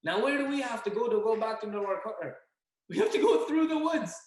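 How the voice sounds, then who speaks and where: A young man telling a story as a podcast guest, casual and animated, acting out the voices of the people in it. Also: extremely high pitch, fairly quick. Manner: animated, acts out dialogue and yelling. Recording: echoey room.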